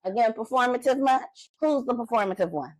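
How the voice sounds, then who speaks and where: A woman's voice: a little high, expressive, fairly quick, no echo, rough recording. Blunt, shady woman recapping reality TV. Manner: blunt, shady, acts out quotes. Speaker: podcast co-host. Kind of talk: casual recap chat.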